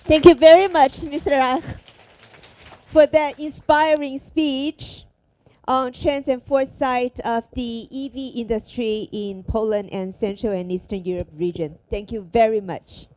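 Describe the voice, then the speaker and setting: Female MC, slightly high pitch, soft mellow timbre, formal scripted introduction, measured delivery. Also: fairly even intonation. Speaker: conference MC.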